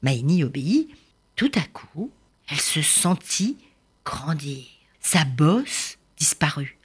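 Expressive woman telling a storybook tale. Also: slow, breathy edge. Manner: expressive, animated reading with swooping pitch. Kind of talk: storybook narration for children.

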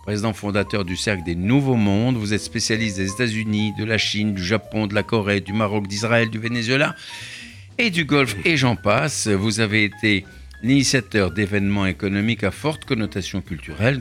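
A man hosting a radio interview, introducing his guest in a measured, ceremonious way. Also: lowish voice, fairly bright tone, soft background music. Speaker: radio host.

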